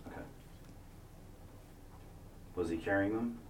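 Low voiced investigator guy asking careful questions, sounds far from the mic, faint hiss. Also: slow pace. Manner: methodical, probing questions. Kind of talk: questioning a witness. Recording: distant mic with faint noise.

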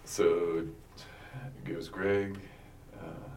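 A man answering questions as a witness, halting and unsure, often restarting his sentences. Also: low-pitched, little pitch movement, darkish tone. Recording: distant mic with faint noise.

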